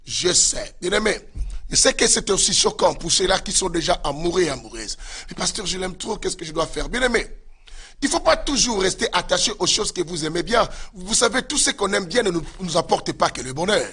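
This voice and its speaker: A man's voice: sits high, big pitch swings, fairly quick, sharp tone, slightly rough. A man preaching a sermon with fervor, addressing his listeners again and again. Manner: fervent preaching with repeated direct address to listeners. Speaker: pastor.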